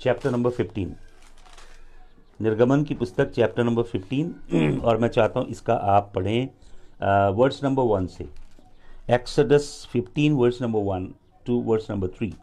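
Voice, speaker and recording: A man preaching a live sermon as pastor, delivering deliberate phrases with pauses and leading the congregation in call-and-response. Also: mid-range voice, gravelly, warm tone.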